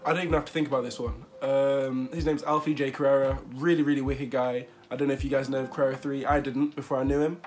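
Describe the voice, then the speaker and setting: A man's voice: medium pitch, little pitch movement, fast talker, hardly any pauses, soft background music. A man of twenty-one chatting casually in a vlog interview, rambling with fillers and frequent laughs. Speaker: vlogger.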